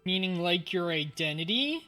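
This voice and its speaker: A man's voice: sits high, sing-song, moderate pace, bright, forceful tone. A male streamer reading a game's narration aloud and musing casually about it. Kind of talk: reading game text aloud and commenting. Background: game music.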